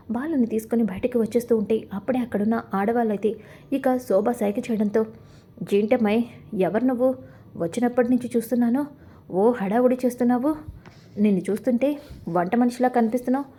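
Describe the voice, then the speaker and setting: A woman's voice: on the high side, a little fast, pauses often, slightly rough. A woman narrating a recap of a TV serial episode in a casual storytelling way, moving steadily through the events and reading out the characters' lines without changing her voice. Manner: steady retelling with quoted dialogue.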